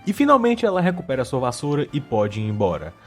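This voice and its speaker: A man's voice: medium pitch, huge pitch swings, quick pace, breathy edge, soft background music. Brazilian man giving wry, casual commentary. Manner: rambling, wry asides. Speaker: video essay host.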